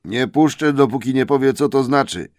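A man voicing a big, greedy, surly male troll who talks loud and coarse in a storybook reading. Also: mid-range voice, normal speed, no room sound, studio quality, pitched above the performer's own voice, close to an everyday voice. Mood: gruff.

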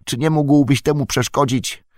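A man's voice: moderate pace, dry recording, studio quality, natural voice. Pippin, a man doing a panicked young hobbit. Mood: frightened. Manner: breathless, high-pitched, urgent pleading. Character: frightened young male hobbit, desperate and pleading.

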